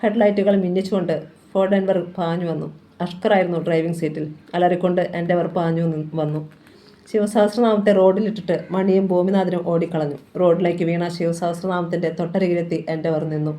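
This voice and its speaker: A woman's voice: on the low side, fairly even intonation, a little fast, warm tone. A woman reading a crime thriller novel aloud as scripted narration, with a dramatic delivery. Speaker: novel reader.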